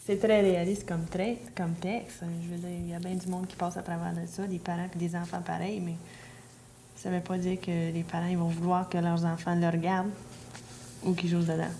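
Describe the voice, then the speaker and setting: A woman, speaking in a measured, skeptical way in a casual discussion. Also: fairly low pitch, level tone, dark tone, a little hiss or hum.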